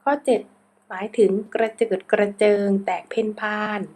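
Woman teacher reading quiz answers one by one, slow and careful, says how each word sounds. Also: mid-range voice, a little mellow. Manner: measured item-by-item reading, spelling out pronunciations. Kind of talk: reading exercise answers aloud.

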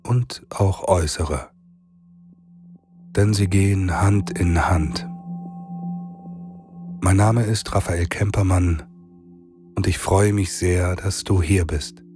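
A man narrating a guided sleep meditation like a soothing sleep-story narrator, with long pauses between phrases. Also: low voice. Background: meditative singing bowl music.

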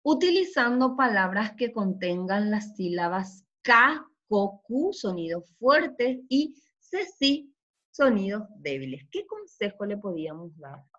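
A woman teaching young children to read, taking her time over every syllable. Her pace is unhurried and patient, and she keeps checking that the children follow. The recording is dull and lo-fi. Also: mid-range voice, very animated, a bit bright. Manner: slow and deliberate, often checking with "¿sí?"; sounds out syllables carefully. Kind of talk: children's reading lesson.

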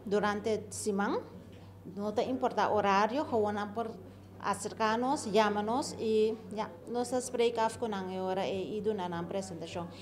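A middle-aged woman, clearly inviting people to get in touch, speaking into a handheld mic in a news interview indoors. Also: mid-range voice. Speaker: business owner being interviewed. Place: indoor office at an opening event. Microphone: handheld reporter mic held close.

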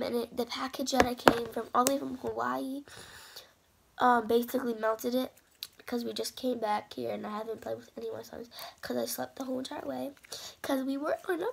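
A woman's voice: high voice, vocal fry, heavy background noise. A young woman vlogging casually on a phone at home, boastful and rambling with sass. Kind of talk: casual vlog chat.

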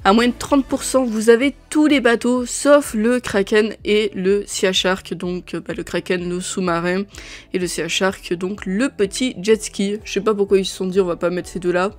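A woman's voice: mid-range voice, fairly even intonation, moderate pace. Woman, gaming video creator, casual rundown, filler-heavy chatty delivery, faint background music. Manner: chatty, lists items with many fillers.

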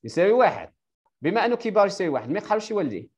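Rapid Algerian teacher quizzing a student. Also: male voice, high-pitched, sing-song, a little mellow. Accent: Algerian Arabic. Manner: quizzes the student with rapid-fire questions and confirms her answers. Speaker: electrical engineering teacher. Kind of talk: live online tutoring lesson. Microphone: video call.

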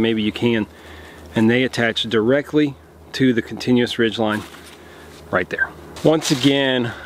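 A man in his thirties walks through his camping setup in a relaxed, practical way, explaining each piece as he handles it. He is recorded outdoors in a pine forest on a camera mic, with a faint outdoor hush behind him. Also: medium pitch, slight background noise. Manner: relaxed, hands-on explaining while demonstrating gear. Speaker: outdoor gear vlogger. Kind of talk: casual gear demonstration.

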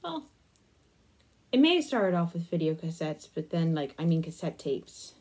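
The speaker is a young adult crafting vlogger with a deep, darkish, slightly rough voice and a sing-song lilt, talking at a moderate pace. She chats casually over a crochet demonstration in a small attic room, absorbed and half addressing herself.

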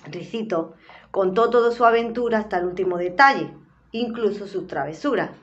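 A woman host reading a children's story aloud, lively and expressive. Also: mid-range voice, normal speed, lo-fi sound.

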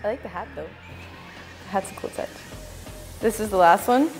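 A woman's voice: medium pitch, animated, normal speed, soft background music. A woman in her twenties from the United States, chatting casually on a dating show and laughing often. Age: 20s. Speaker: blind-date contestant. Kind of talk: casual chat. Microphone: lapel mic.

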